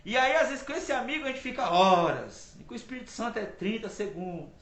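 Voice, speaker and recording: High-voiced man preaching in a roomy space. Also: animated, a little fast, fairly bright tone. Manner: conversational, repetitive, emphatic preaching. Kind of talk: informal sermon. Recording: roomy echo.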